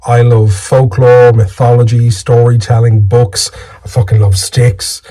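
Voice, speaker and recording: An Irish man with a dark, relaxed voice and a husky edge. He tells stories casually, as if chatting to his viewers, in an informal storyteller's style. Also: mid-range voice, measured pace. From Ireland. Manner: casual, conversational, lightly sweary. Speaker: storyteller and video host.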